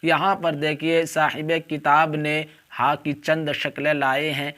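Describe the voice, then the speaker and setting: A man with a slightly high voice gives a step-by-step reading lesson as a Quran teacher. He alternates quick explanations with slow, repetitive drills, sounding out each letter carefully. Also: level tone, pushed and bright. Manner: repetitive drilling, spelling out letters slowly and deliberately; brisk explanations between drills.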